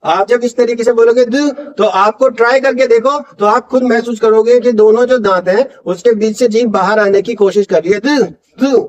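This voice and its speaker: High-voiced man drilling pronunciation. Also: steady tone, lo-fi sound. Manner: drills words by slow repetition; asks questions and answers them himself. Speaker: English pronunciation teacher. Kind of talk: classroom-style lesson.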